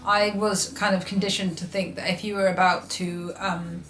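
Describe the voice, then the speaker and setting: A woman in her twenties chatting candidly in a couple Q&A, giggly and animated when telling stories. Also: on the low side, normal speed, soft background music. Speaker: vlogger in a couple Q&A. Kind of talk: casual chat. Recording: echoey room.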